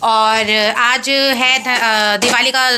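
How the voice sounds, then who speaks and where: A woman's voice: on the high side, steady tone, extremely slow, noisy background. A mother filming a casual home vlog indoors on a phone, chatting to her viewers and coaxing her children along. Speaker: vlogger, mother.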